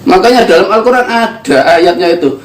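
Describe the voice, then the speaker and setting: Recorded in an echoey room, this high-voiced older man talks fairly quickly. He's a spiritual teacher from East Java, Indonesia, and his religious teaching comes across as earnest and emphatic.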